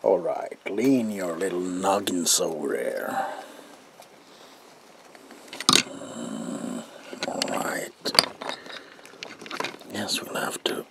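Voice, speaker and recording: A man playing a manic, sinister comic-book villain as examiner in a whispered ASMR roleplay, with a gravelly, breathy voice and theatrical, unhinged delivery. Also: sits low, lively intonation, fairly bright tone, a little hiss or hum, full character voice. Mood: muttering, sinister. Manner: theatrical, drawn-out words with unhinged swings.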